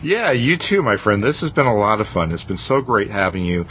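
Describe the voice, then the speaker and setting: A man's voice: fairly low pitch, big pitch swings, brisk, fairly bright tone, slight background noise. A man hosting a podcast in a casual, reflective way, hesitating and repeating phrases as he thinks aloud. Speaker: podcast host.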